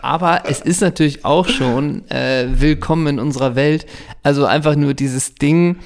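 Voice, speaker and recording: A man co-hosting a podcast in casual banter, relaxed and chatty, teasing his partner and tagging sentences with little questions. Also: on the high side, moderate pace, noisy background. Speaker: podcast co-host.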